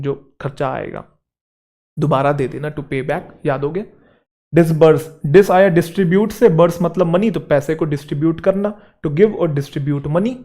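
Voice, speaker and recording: Guy teaching english vocab to exam students, kinda high voice, keeps asking if they got it. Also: a little mellow. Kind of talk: vocabulary lesson.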